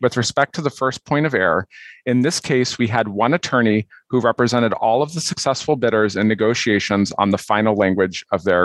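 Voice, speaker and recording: A man delivers a formal legal argument as an attorney, laying out points in a measured, structured way. His pitch is average and the sound is dry, with no room around it. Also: fairly bright tone, no room sound. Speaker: appellant's attorney.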